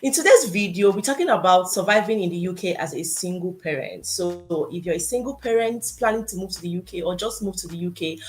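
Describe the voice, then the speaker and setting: A woman's voice: lowish voice, animated, fairly quick, few pauses, darkish tone. A woman hosting her own channel, talking directly to viewers in a casual, chatty way and interviewing a guest. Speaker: host.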